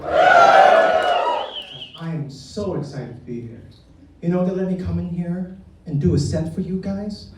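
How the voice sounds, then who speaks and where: With medium pitch that swoops wildly, this Vietnam-born comedian speaks a little slowly and leaves long pauses. Performing live stand-up on a club stage, he teases and directly engages the crowd. The sound is roomy and far off, with audience noise.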